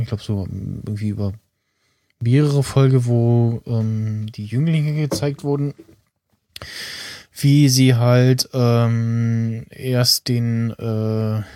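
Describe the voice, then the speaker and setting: A man's voice: mid-range voice, mellow, no echo, clean studio sound. A man co-hosting a casual podcast, talking hesitantly with many fillers and frequent laughs. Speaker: podcast co-host.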